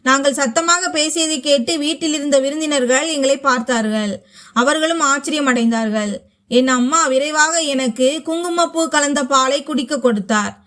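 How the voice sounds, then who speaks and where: A woman narrating a first-person story with a dramatic, emotional delivery. Her voice sits high. She tells the tale as a storyteller. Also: normal speed, fairly bright tone.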